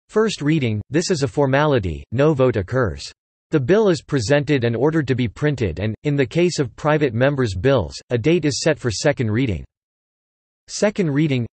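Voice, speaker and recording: A man's voice: mid-range voice, no room sound. Synthetic male article reader, very dry. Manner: even, steady reading of an encyclopedia article. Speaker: text-to-speech reader.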